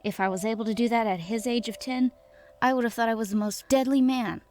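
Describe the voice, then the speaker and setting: A woman reading a scripted scary story as narrator, in a measured storytelling manner. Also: medium pitch. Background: faint music.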